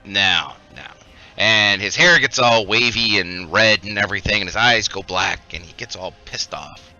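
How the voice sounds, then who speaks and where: A man's voice: on the low side, moderate pace, sharp tone, muffled recording, faint music behind. A man playing a tabletop game, casually narrating moves in a playfully dramatic way.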